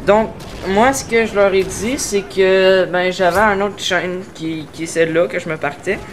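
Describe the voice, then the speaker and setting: A man's voice: high-pitched, steady tone, moderate pace, slight background noise. A man from Quebec with a Québécois accent, introducing his gaming channel hesitantly, with many filler sounds, while trying to articulate carefully. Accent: Québécois French. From Quebec, Canada. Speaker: gaming YouTuber. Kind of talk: casual channel introduction over gameplay.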